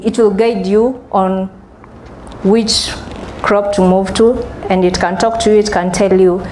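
A young Kenyan woman gives a conference presentation from a podium in a large hall with a stage, explaining steadily despite some ums and restarts. Her mid-range voice has a darkish tone, and the podium microphone picks up a little hiss or hum.

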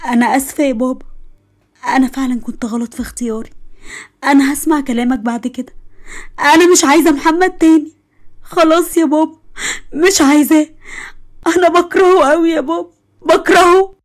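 A woman's voice: sits high, a little fast, long pauses, pitched above the performer's own voice, lightly acted. A woman with an Egyptian accent voicing a heartbroken, emotional young woman in a storybook tale, tearful and pleading, fierce when angered. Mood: hurt. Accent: Egyptian Arabic. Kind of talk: storybook voice acting.

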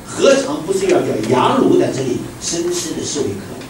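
A man's voice: a little high, brisk, noisy background. Male pastor preaching, voice jumps all over, echoey church hall, mic kinda far off. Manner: animated preaching, swings from loud exclamations to hushed quiet lines. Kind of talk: sermon.

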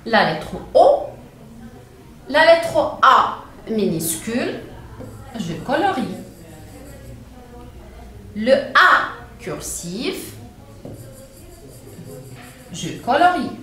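A woman teaching young children to read, sounding out syllables slowly and with exaggerated care. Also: a little high, sing-song, fairly bright tone, distant mic. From Morocco. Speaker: primary school teacher. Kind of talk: children's reading lesson. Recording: very echoey room with faint ambient noise.

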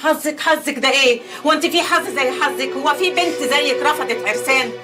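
A woman's voice: high voice, a little fast, close to an everyday voice. An actress playing a caring, coaxing Egyptian mother in a TV drama, speaking with an Egyptian Arabic accent. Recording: distant voice over music score.

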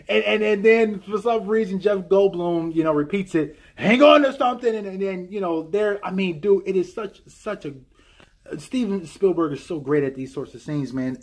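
A man casually recapping a film scene, excited and animated, full of fillers and restarts. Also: on the high side, slightly rough. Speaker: film commentator.

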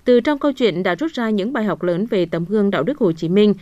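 A woman reads a scripted news report in a formal, measured way as a local television narrator. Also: medium pitch, animated, mellow, no room sound, lo-fi sound.

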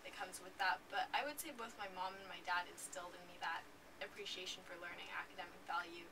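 A woman's voice: lowish voice, fairly even intonation, fast talker. A fourteen-year-old girl answering interview questions in a chatty way, laughing often, with lots of fillers. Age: teens. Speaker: interviewee, young author and speaker. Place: indoor room with curtains, seated in armchair. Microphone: camera at a distance. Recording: distant mic, faint noise.

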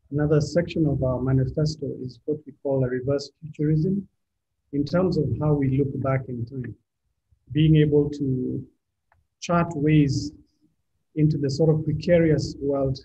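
A male architect from Kenya presenting a design talk over slides, measured, often restarting his phrases. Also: medium pitch, fairly even intonation, dark tone, slightly rough. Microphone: video call. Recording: dull lo-fi video call audio with faint noise.

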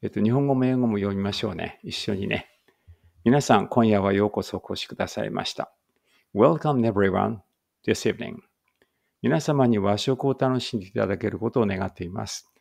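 A man teaching an English read-aloud lesson, reading Japanese lines and then slow, careful English, sometimes stopping to check pronunciation. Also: fairly low pitch, gravelly, darkish tone, dry recording, studio quality.

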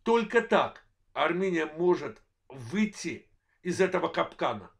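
On his own channel, this Azerbaijani man in his forties analyzes politics in short, halting, measured phrases. He sounds very animated, with a slightly high, creaky voice that is worn, something he apologizes for.

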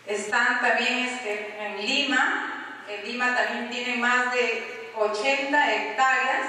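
A woman's voice: fairly high pitch, steady tone, takes it slowly, bright, forceful tone. A woman with a Peruvian accent giving a technical talk at a conference, explaining points and posing rhetorical questions to the audience. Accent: Peruvian Spanish. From Peru. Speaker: conference speaker. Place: large conference hall. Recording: echoey hall from far off.

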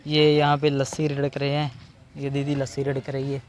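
Holding his camera at arm's length, a vlogger from Punjab, India, in his twenties, talks in a friendly, casual way to viewers from a school ground and park. He speaks fairly quickly in a mid-range monotone, with slight background noise.

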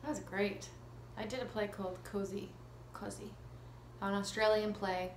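Speaking at a moderate pace and medium pitch with little pitch movement, a Canadian-accented actress in her thirties chats as an interview guest. She comes across as hesitant and self-deprecating. The living-room recording carries echo and ambient noise.

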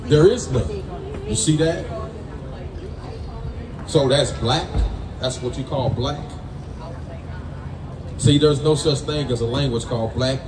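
Slow and mid-pitched, with long pauses, the American preacher gives call-and-response Bible teaching while a crowd sounds in the background. He's emphatic and colloquial, using "right?" and "man" for punctuation. A distant, roomy mic catches him amid people's noise.

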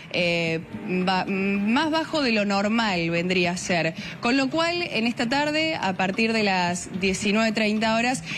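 A young woman with an Argentine Córdoba accent giving a live news report. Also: on the high side. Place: outside a hospital entrance at night. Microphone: handheld microphone. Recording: noisy live outdoor report.

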